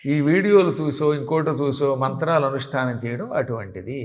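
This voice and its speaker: Older male spiritual teacher, didactic and high-voiced, in a reverberant hall. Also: animated, fairly quick. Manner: didactic, demonstrates syllable sounds, chuckles at examples. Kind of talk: devotional teaching.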